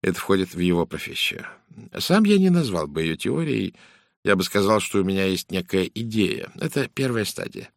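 A calm, precise detective with a gently ironic streak, as a male reader puts him on, speaking quietly and in measured phrases. The voice sits low and dark. The audiobook is recorded close and dry. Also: creaky, dry recording, heavily acted. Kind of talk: audiobook character voice.

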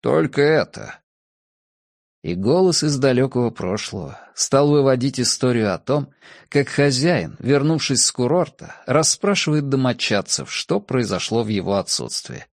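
A man narrating a story in an expressive audiobook reading. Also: mid-range voice, normal speed, dry recording. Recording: dry close studio sound.

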